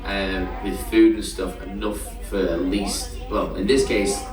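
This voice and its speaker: A man's voice: deep voice, little pitch movement, a little slow, music in the background. A British man working as a cruise director, chatting informally and telling joking anecdotes in an audience question-and-answer session. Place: large echoey room with an audience. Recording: echoey venue, distant mic, audience noise.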